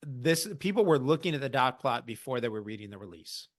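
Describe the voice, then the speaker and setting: A man's voice: medium pitch, brisk. A man hosting an investing podcast, explaining central bank news in a wry, conversational way. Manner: explanatory, wry, lively asides. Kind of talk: conversational market commentary.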